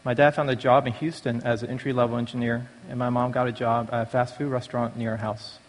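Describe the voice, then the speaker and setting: This mid-range male voice moves quickly with little change in pitch, and there is slight background noise along with a long hall echo. The speaker, born in Taiwan and raised in the US from age five, gives a prepared personal testimony at a church recovery meeting in a large, echoing hall.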